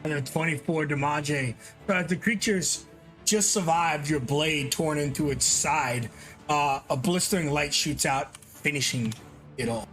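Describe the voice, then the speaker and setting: A man narrating as game master of a tabletop game, lively and quick with asides. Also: fairly high pitch, soft background music.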